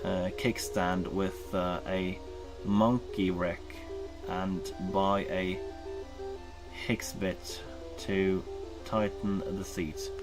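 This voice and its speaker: This Norwegian streamer chats casually as he plays, rambling, correcting himself, and filling gaps with many ums and uhs. His low voice has fairly even intonation and drawn-out words, with music in the background.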